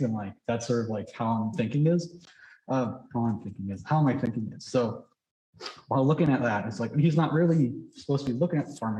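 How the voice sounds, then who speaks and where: Wearing a face mask, a man teaches drawing while musing aloud, chatty and rambling, leaning heavily on the filler "like." He has a mellow, medium-pitched voice. The room echoes noticeably, with slight background noise.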